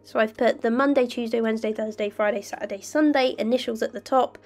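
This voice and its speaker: A young woman with a slightly croaky voice from illness, calmly narrating her journaling step by step. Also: fairly high pitch, quick pace. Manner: calm, detailed step-by-step explaining. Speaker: bullet journal vlogger. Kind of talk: voice-over narration of crafting.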